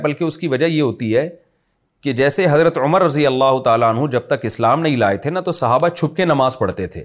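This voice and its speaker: A man with a Pakistani Urdu accent answering listeners' religious questions in a conversational way, explaining with examples. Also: on the high side. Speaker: Islamic scholar answering questions.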